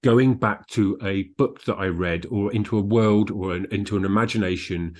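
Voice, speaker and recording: A book podcast co-host talks at a normal speed, his pitch fairly low and his tone a bit mellow. The chat is casual, with him giving frank, blunt opinions and sometimes reading reviews aloud.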